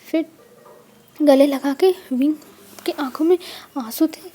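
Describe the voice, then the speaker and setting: A woman narrating a fan fiction story in a casual storytelling style, with a plain, steady delivery. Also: high-pitched, slow.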